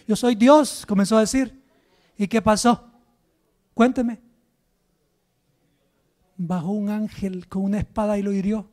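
Very high-voiced man preaching. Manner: emphatic, rhetorical questions to the congregation. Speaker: pastor. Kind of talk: sermon.

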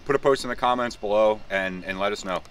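A man's voice: lowish voice, fast, fairly bright tone, slight background noise. A man, hosting a casual vlog outdoors at a boat yard and rambling with restarts. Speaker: vlog host. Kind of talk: casual chat.

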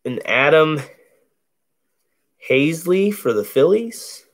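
Here a man hosts a card break, his voice deep and bassy as he calmly names each baseball card he pulls. It's a relaxed, slow-moving running commentary, delivered indoors at a table piled with cards.

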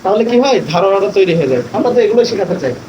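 Male teacher trainer with a high voice, quizzes the room, spells words letter by letter, echoey hall with noise. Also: sing-song, rapid-fire, lo-fi sound. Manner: questioning, instructive, spells words aloud.

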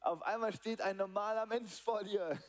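Male preacher, a bit high-pitched, lively delivery that swings loud and soft; sermon in a church. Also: normal speed. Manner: animated preaching, swinging between excited highs and quiet lows. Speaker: pastor. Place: church hall.

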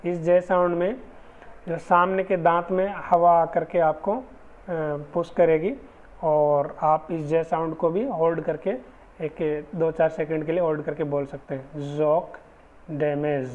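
A man teaching English phonetics in a slow, patient lecture, repeating each example word with care. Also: on the high side, little pitch movement, a little mellow. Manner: patient, deliberate, repeats example words slowly. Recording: dull lo-fi recording.

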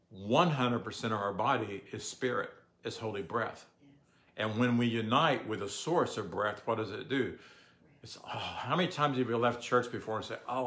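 An older man giving a relaxed, conversational sermon, often asking the audience questions. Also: on the low side, vocal fry. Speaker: pastor. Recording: echoey room.

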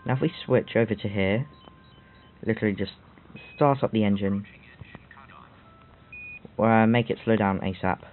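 Low-voiced guy rambling through a game tutorial, pokes fun at himself, sounds like a phone line. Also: a little hiss or hum. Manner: rambling, self-mocking asides. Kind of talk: game walkthrough commentary. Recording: tinny phone-like audio.

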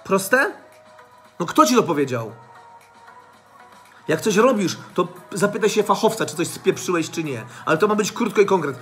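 A man's voice: high voice, lively intonation, moderate pace, soft background music. A man giving a blunt motivational monologue to his channel, swearing freely and repeating his points over and over. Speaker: motivational vlogger.

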